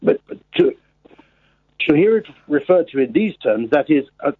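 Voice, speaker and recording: A male caller putting on the voice of a long-winded, formal elderly gentleman over eighty-five, with a husky, gravelly tone and a stammer. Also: a little high, big pitch swings, moderate pace, dry recording. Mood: pompous. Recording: phone line.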